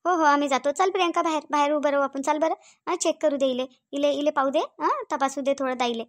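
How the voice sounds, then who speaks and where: A woman's voice: sits high, quick pace, lightly acted. A woman voicing a fussy middle-aged village mother with a Varhadi Marathi accent, who talks repetitively and keeps adding tag questions. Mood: urging.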